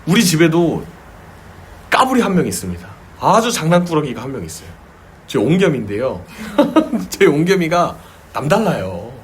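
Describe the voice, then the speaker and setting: Lively storytelling pastor man. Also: on the high side, slight background noise. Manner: storytelling with vivid sound words and acted cries. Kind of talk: sermon. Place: small home church service.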